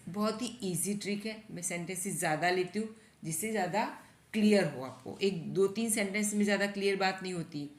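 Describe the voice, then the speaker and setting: A woman gives an online English lesson in Hindi, in a middle-pitched voice. She poses questions, answers them herself, and says the example sentences over and over, slowly and with emphasis. The room around her echoes noticeably. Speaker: English teacher.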